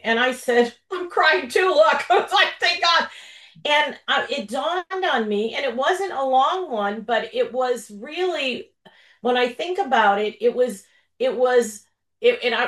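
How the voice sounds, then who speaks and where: A woman's voice: a little high, roomy sound. A woman joining a video call, sharing a personal story emotionally, with many fillers and restarts. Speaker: participant.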